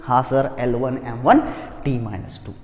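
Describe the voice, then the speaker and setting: A man's voice: mid-range voice, steady tone, a little slow. A man teaching physics in a playful lecture style, asking questions and answering them himself the way his students would. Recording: echoey room with long reverb.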